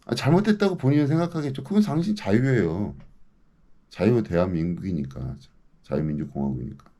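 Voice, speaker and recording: A man's voice: on the low side, animated, a little fast, vocal fry, dark tone. Indignant ranting man in his fifties. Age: 50s. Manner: indignant, ranting, keeps demanding "예?". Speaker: local news commentator. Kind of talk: ranting monologue to camera.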